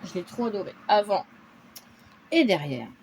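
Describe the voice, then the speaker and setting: A woman's voice: medium pitch, big pitch swings, normal speed, darkish tone, slight background noise. A woman chatting casually through a shopping haul video at home, with lots of fillers and little interjections. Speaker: vlogger showing a shopping haul.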